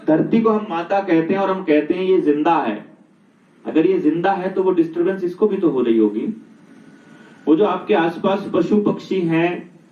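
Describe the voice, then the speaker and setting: A man's voice: high-pitched, mellow. A middle-aged man giving a reflective talk, telling stories and asking rhetorical questions. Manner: storytelling, asks rhetorical questions. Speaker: speaker on natural living. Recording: roomy, distant, dull sound.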